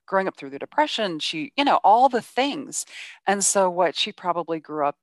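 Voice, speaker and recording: A woman's voice: lowish voice, very animated, normal speed, dry recording, studio quality. A woman in her fifties hosting a podcast, telling family stories candidly in casual conversation. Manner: candid, storytelling, filler-heavy. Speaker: podcast host.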